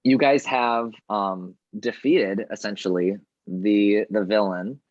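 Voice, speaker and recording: A man narrating as game master of a tabletop role-playing game, halting and full of fillers, with bouts of coughing. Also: on the low side, steady tone, no room sound, lo-fi sound. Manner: halting, many fillers and restarts. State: coughing fits.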